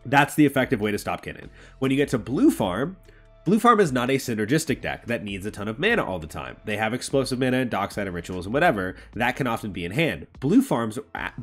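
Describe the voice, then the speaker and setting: Animated, blunt man arguing game strategy. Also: medium pitch, a little fast, soft background music. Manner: emphatic, blunt, swears freely. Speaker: podcast co-host. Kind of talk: casual strategy discussion. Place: home room. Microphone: video call.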